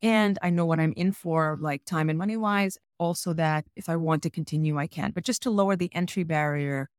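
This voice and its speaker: A woman's voice: deep voice, fairly quick, smooth, dry recording, studio quality. A woman, a psychologist guest on a podcast, explaining her approach earnestly and telling stories about her patients. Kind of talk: conversational podcast interview.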